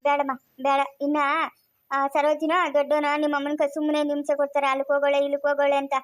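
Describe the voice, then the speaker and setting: A long-suffering old village aunt with a rural Chikkaballapur Kannada accent, played by a woman in a family skit. Her voice sits fairly high for an old woman, and she talks in soft sighs with muttered little "ha?" asides. She is gentle and worn down. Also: completely flat delivery, very fast, slight background noise, close to an everyday voice. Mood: soothing. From Karnataka. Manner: sighing, murmured asides with "ha?".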